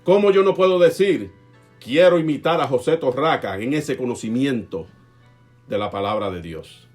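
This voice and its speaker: A man preaching a sermon emphatically, swinging between loud and soft and asking the congregation questions. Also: mid-range voice, animated, normal speed, soft background music. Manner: asks the congregation rhetorical questions.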